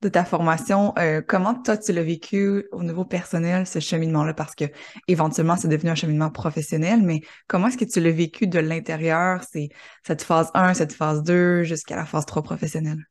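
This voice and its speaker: A woman's voice: deep voice, fairly even intonation, fairly quick. A woman hosting an online interview, enthusiastic and encouraging toward her guest. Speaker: interviewer and host. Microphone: video call.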